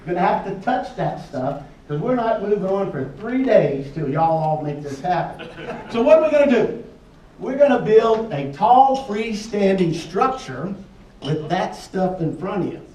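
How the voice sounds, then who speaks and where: A man's voice: high-pitched, sing-song, moderate pace, dark tone. A man, a folksy, joking presenter casually explaining a challenge to a group and repeating his questions. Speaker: workshop presenter. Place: large echoey indoor room with a group. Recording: echoey room, picked up from a distance.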